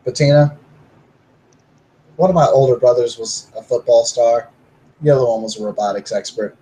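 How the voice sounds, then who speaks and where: In a tabletop roleplay, a man voices Emmet, a modest, unsure young werewolf, as his player character. His warm, slightly rough, natural voice moves at a normal speed, hesitant and low-key. The audio quality is poor.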